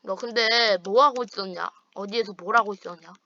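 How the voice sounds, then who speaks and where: A woman's voice: mid-range voice, a little fast, bright, forceful tone, dull audio. A woman hosting a gaming channel, chatting with a friend over voice chat while playing online and trash-talking playfully. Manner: playful teasing trash talk.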